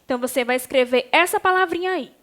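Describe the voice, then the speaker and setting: A Brazilian primary school teacher with a high voice and a fast way of talking teaches a class of young children. Speaking with a Brazilian Portuguese accent, she is patient and affectionate, guiding them step by step.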